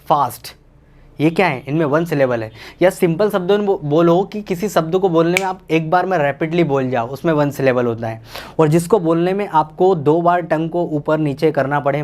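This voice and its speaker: A man's voice: on the high side, darkish tone. Man teaching English grammar in Hindi. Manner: explains slowly, repeats and translates each example; calls viewers "bhaiya".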